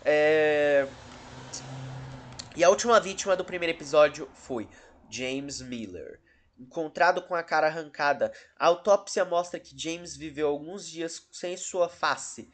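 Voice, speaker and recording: This host of a horror-cases video channel is a Brazilian man whose voice is fairly high and a bit bright. He's unhurried, talking casually in a rambling, self-interrupting, dryly sarcastic way.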